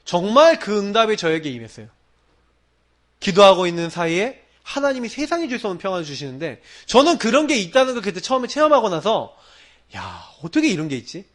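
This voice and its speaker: A man preaching a late-night church sermon, telling the story with animated quoted voices. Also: high voice, quick pace. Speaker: pastor. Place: church sanctuary.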